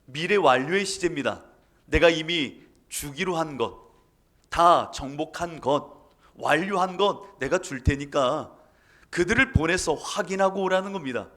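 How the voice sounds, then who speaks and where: A man's voice: fairly high pitch, unhurried, fairly bright tone. A male pastor delivering a sermon in a dramatic, emphatic storytelling manner.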